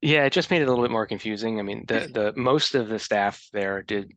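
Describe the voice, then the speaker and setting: Podcast co-host: American man, low-pitched, practical and explanatory in casual conversation, dry recording. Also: a little fast, fairly bright tone, dry recording.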